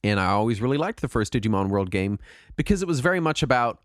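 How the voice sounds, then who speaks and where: A man hosting a podcast in casual, jokey, self-deprecating chat, his throat raspy from a cold. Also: medium pitch, big pitch swings, quick pace, no echo, studio quality. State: sick with a mild throat cold and cough. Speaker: podcast host.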